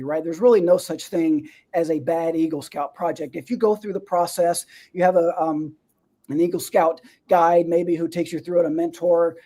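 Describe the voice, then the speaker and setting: A man's voice: on the high side, mellow. A man co-hosting a show, explaining things at length in a rambling way with many fillers. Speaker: co-host.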